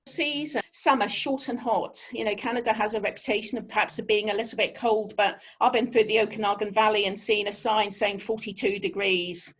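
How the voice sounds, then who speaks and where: A middle-aged woman with a Norfolk English accent presents as a travel specialist in a webinar. Her voice sits at an ordinary middle pitch for a woman. She talks informally through slides, chatty and full of little asides to the people listening. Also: steady tone, a little fast, few pauses, low-quality recording.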